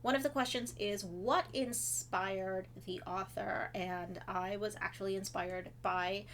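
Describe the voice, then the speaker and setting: A medium-pitched woman with a steady tone and measured pace answers kids' questions from her home office, with slight background noise. She is a children's author from Trinidad and Tobago. Her casual, chatty manner includes fillers and friendly, warm asides to the children.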